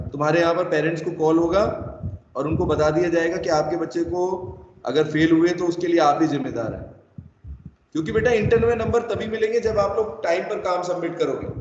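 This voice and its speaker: A man's voice: high-pitched, a little mellow. A man teaching an online chemistry class, sternly scolding students for not replying and missing homework. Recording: echoey, dull online call audio with noise.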